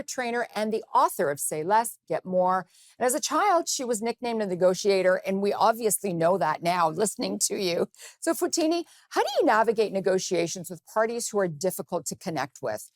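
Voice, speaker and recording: A woman's voice: mid-range voice, no echo, studio quality. A woman hosting a talk show, interviewing her guest in an affirming, conversational way.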